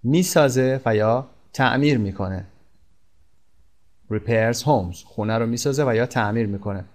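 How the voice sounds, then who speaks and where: A man teaching an English vocabulary lesson. He says each English word slowly, repeats it, and then explains it. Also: medium pitch, darkish tone. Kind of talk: recorded language lesson.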